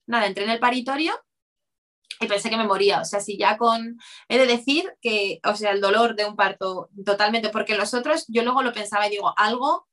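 Fast-talking woman telling a story. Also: mid-range voice, fairly bright tone. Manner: rapid, rambling, full of "o sea" restarts. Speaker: interview guest. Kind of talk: personal storytelling in conversation.

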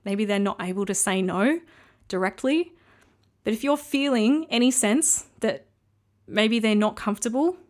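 A woman hosting a solo podcast, talking casually and frankly as she gives earnest advice. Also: medium pitch. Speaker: podcast host.

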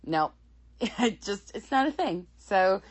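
Woman, casual show recap, animated swooping delivery, laughs and fillers. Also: mid-range voice. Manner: chatty, laughing often, many fillers and quick asides. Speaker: show reviewer.

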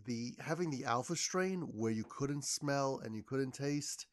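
A man's voice: medium pitch, animated, unhurried. Rambling male podcast guest. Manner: rambling, many repeated starts. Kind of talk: casual conversation.

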